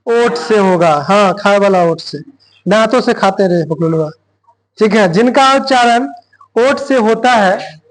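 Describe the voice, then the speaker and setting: A man, teaching grammar slowly in a classroom style, repeating phrases and answering his own questions. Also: sits high, rough recording. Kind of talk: slow classroom explanation with questions to students.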